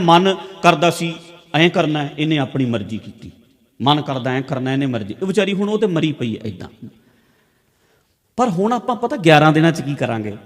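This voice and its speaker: A man's voice: a little high, long reverb tail. A man with a Punjabi accent giving a religious discourse, explaining with everyday examples and repeating key phrases. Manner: conversational, repetitive teaching with everyday examples. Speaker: preacher. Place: large hall with a congregation.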